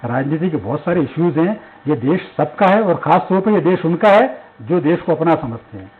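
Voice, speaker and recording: Male debate panelist, high voice, emphatic, tinny remote audio. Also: animated, moderate pace. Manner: emphatic, rhetorical questions. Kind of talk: televised debate argument. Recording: tinny phone-line audio.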